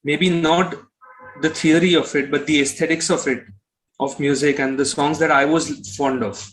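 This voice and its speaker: Rough audio captures a young man with an Indian accent, a singer-songwriter being interviewed, whose voice sits on the high side and sounds a bit bright. He keeps a moderate pace and fairly even intonation while explaining things casually and reflectively.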